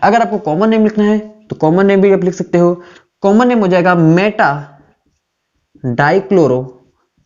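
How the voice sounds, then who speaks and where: A man's voice: high voice, normal speed, long pauses, darkish tone. A male teacher walks through a lesson, firing a question at his students and then answering it himself. He repeats each key term so it sticks. The recording is dull and lo-fi, with the top end muffled. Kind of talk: classroom lecture.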